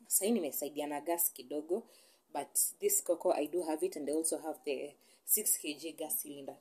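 A woman's voice: low-pitched, steady tone, a little fast, warm tone, husky. A young woman with a Kenyan accent giving a casual tour of her small home, chatty, slipping between English and Swahili slang while holding her phone camera. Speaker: vlogger. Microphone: phone camera held while walking.

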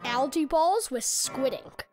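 A man's voice: very high-pitched, animated, slow pace, faint music behind, voice pushed up, full character voice. A man voicing a curious, eager young boy fish with a wide-eyed, youthful voice in a children's audio story.

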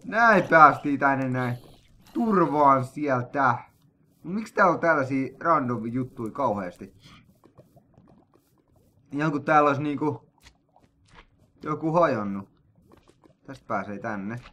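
A young man, an excitable, jokey gaming host narrating a let's play, with sudden loud outbursts. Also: medium pitch, pauses often.

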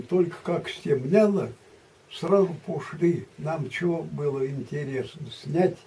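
An elderly man reminisces like a grandpa spinning a rambling story, halting and repeating himself in plain colloquial words. His voice is slightly high for a man and very soft-edged and dark in tone. It is picked up a little away from the mic. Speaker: war veteran recounting memories. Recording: distant mic, muffled, background noise.

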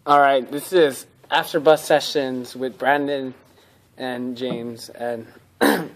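A man's voice: mid-range voice, steady tone, slow pace. A young man casually talking in a vlog, playful and loose as he introduces a song. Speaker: vlogger.

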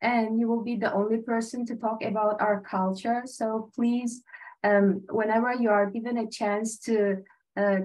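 The recording is rough, and the speaker has a mid-range, slightly mellow voice. She is a woman from Tajikistan presenting on an online panel with slides via video call, sharing her teaching exchange earnestly and conversationally with many fillers.

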